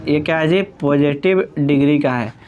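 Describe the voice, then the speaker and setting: Patient male teacher, fairly high voice. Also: moderate pace, a little mellow, smooth, dull audio, soft background music. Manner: patient, repeats points, checks in with "ठीक है"; addresses students fondly as "Babu". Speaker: English teacher. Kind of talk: Hindi-language grammar lesson at a board.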